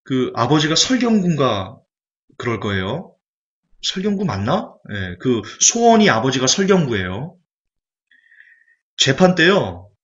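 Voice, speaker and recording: A male evangelist preaching a sermon, animated and full of rhetorical questions to the congregation. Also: medium pitch, a little slow, pauses often. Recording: dull lo-fi recording.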